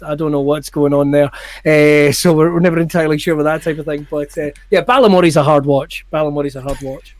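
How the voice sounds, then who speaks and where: High-voiced Scottish man ranting. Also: no echo. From Scotland. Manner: animated ranting with loud swearing. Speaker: guest comedian. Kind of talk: casual podcast chat.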